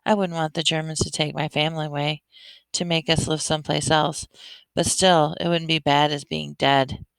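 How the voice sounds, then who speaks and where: A woman voicing a frightened young girl in a storybook reading, speaking softly and frantically. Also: deep voice, level tone, moderate pace, gravelly, clear, resonant tone, dry recording. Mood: sad. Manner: frantic, soft. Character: frightened young girl, a child's best friend.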